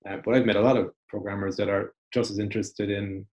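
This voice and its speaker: A young man with a lowish voice, chatting in a relaxed interview. He thinks aloud, full of small restarts and fillers as he works through his points. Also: quick pace, highs cut off, slight background noise. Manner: reflective, loose, many restarts and "like". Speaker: podcast guest. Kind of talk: casual conversational interview.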